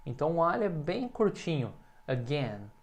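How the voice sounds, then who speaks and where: Brazilian man teaching English slowly. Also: medium pitch. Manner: explains patiently, repeats English examples slowly and clearly. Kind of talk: language lesson.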